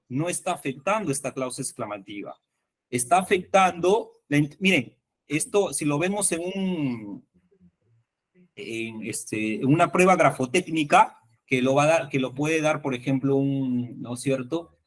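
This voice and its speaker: A man teaching an online workshop for teachers, explaining patiently and often checking that the class agrees. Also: fairly high pitch. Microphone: video call.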